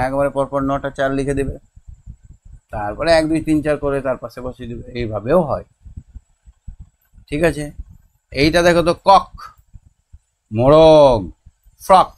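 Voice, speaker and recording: Patient man teaching young children. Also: medium pitch. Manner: slow, patient counting and word-by-word pronunciation drills. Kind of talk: homework tutorial for young children.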